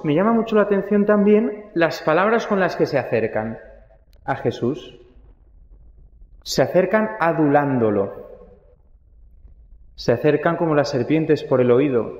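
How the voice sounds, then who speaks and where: A young man preaches a homily, talking with his congregation and putting questions to them. His voice sits a little high and rings on through a large church with a long echo. The sound is dull and muffled. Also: a little mellow. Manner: conversational, asks the congregation questions. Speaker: priest.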